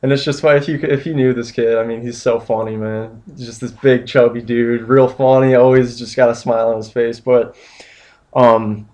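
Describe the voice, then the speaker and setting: A man's voice: medium pitch, little pitch movement, normal speed, darkish tone. A young man telling a story in a casual, rambling way, with lots of "you know" and "like". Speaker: vlogger.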